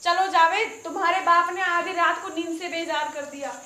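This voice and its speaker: An actress playing a harsh young daughter-in-law who speaks in a cold, accusing, sarcastic way in an audio drama. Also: female voice, very high voice, steady tone, normal speed. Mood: scornful. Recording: roomy voice over background music.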